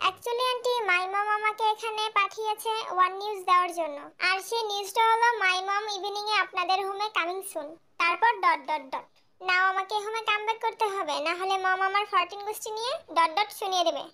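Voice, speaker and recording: A goofy young suitor, as a woman puts him on in a home-made audio drama. He talks in a stilted, mangled mix of English words, a high and bright voice with a self-important air. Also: a little fast. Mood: eager. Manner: stilted broken English mixed into speech.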